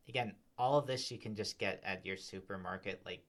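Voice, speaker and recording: A man's voice: on the low side, unhurried, background noise. Sighing man riffing on a video. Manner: sighing, rambling, filler-heavy. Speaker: commentary host. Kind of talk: exasperated casual commentary. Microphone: desk microphone.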